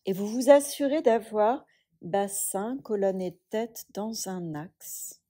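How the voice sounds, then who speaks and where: A woman instructor leads a yoga relaxation meditation, speaking softly and soothingly in a breathy, hushed tone with long pauses. Her mid-range voice stays animated.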